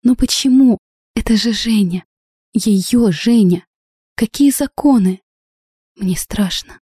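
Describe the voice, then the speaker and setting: A woman voicing Dasha, a desperate eighteen-year-old bride who pleads through tears, in a warm, dry audiobook reading. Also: fairly high pitch, takes it slowly, slightly rough, dry recording, voice pushed up. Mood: despairing. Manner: pleading, tearful.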